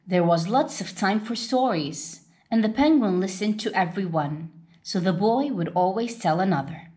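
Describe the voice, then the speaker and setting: A woman reads a children's picture book aloud like a storyteller, with an expressive, dramatic delivery. Her voice sits at a medium pitch and moves at a moderate pace.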